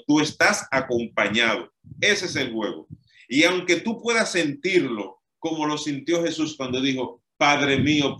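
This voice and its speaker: A man's voice: medium pitch, fairly bright tone. A man preaching an emphatic, repetitive sermon. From Dominican Republic.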